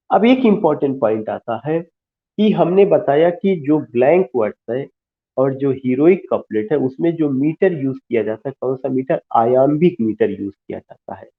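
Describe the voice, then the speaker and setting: A man teaching English literature in an online class, explaining slowly, repeating key terms and mixing English into Hindi. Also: a little high. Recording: tinny phone-like audio.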